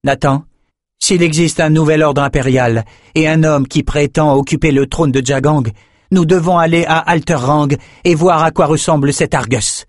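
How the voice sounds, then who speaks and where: A man's voice: fairly high pitch, moderate pace, no echo, studio quality, voice pushed up, close to an everyday voice. A man voicing a determined young sorceress who speaks in a raised, firm and assertive voice.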